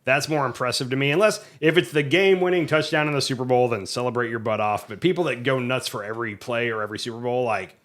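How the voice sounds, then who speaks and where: Man, middle-aged, mid pitch, casual podcast chat, talkative storyteller, self-deprecating. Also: quick pace, few pauses, fairly bright tone. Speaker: podcast co-host.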